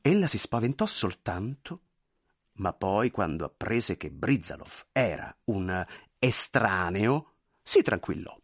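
A man narrates a literary story in a theatrical, expressive way. His voice is husky and moves through a very wide pitch range. The sound is dry and close. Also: slow pace, no echo. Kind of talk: scripted narration.

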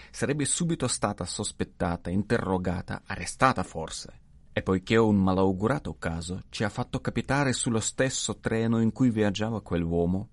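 A man's voice: sits low, no room sound. A man voicing a proud, hot-tempered young diplomat who speaks with indignant emphasis, in a dry, close recording. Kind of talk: audiobook dialogue reading.

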